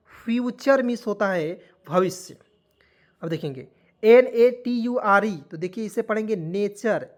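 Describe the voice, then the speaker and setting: A man teaching a classroom-style lesson. He spells words out letter by letter, asks his listeners what they say, and answers himself in a patient, reassuring way. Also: high voice. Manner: addresses listeners as friends again and again, patient and reassuring.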